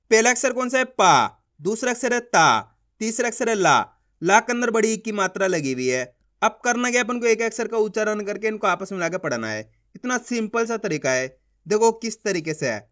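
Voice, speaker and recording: A man teaching beginners to read, sounding out syllables slowly and asking the learner questions as he goes. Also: high-pitched, a bit bright. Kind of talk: Hindi reading lesson for beginners.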